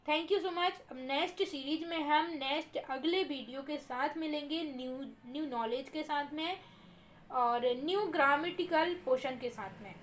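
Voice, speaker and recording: A woman teaching English grammar in Hindi, reading example sentences slowly and carefully and repeating words to drill pronunciation. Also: sits high. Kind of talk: Hindi-medium grammar lesson.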